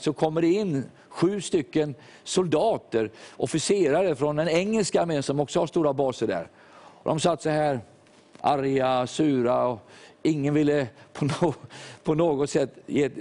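A man's voice: fairly high pitch, mellow. Older man preaching a sermon. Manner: storytelling, acts out quoted voices. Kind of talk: sermon testimony.

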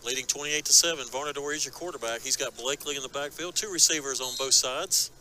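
A man giving fast, excitable play-by-play of a high school football game from a press box. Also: slight background noise, rough recording. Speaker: play-by-play announcer. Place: press box at an outdoor stadium.

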